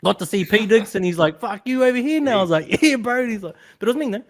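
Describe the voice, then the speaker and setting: High, lively man with broad Kiwi accent. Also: fast talker. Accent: broad New Zealand. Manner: animated, slangy, tags phrases with "bro" and "eh". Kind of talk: casual storytelling among friends.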